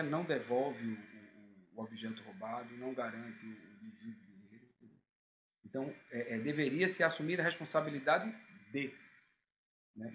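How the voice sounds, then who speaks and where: A man giving a reflective talk to listeners in a conversational way, often pausing with fillers and checking in with tag questions. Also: mid-range voice, a bit bright, roomy sound, a little hiss or hum, poor audio. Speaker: speaker giving a talk on guilt. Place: room.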